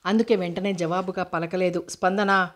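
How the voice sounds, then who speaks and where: A woman reading a novel aloud in a steady, even voice. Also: on the low side, normal speed. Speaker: audiobook narrator.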